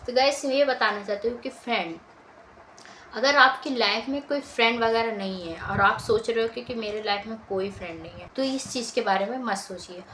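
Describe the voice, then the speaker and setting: A woman's voice: on the high side, moderate pace, pushed and bright, low-quality recording. A young woman, telling a story from her school days in a casual vlog and repeating her phrases often. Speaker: vlogger. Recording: faint background noise.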